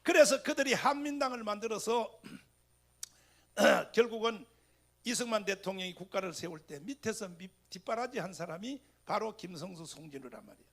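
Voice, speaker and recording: A man with a very high, strained pitch and a gravelly, fry-laden edge gives a fiery political rally speech. He fires rhetorical questions at the crowd and breaks into sudden loud bursts. Religious exclamations run through his talk. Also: expressive, normal speed. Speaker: speaker addressing a political rally.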